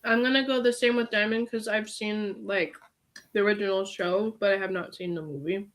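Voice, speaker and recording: A woman's voice: mid-range voice, steady tone, brisk. A woman podcast guest in casual chat, easygoing and self-deprecating.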